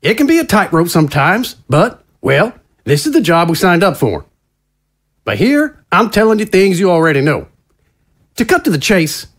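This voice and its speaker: A man with a voice that sits high plays a slick, glad-handing conservative politician in an audio drama. His manner is folksy and smooth, like a true insider.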